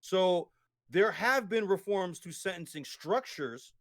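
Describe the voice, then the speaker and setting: A man's voice: high voice, expressive, slow, a bit bright. A man in a casual debate, explaining at length with many restarts and tag questions. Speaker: guest.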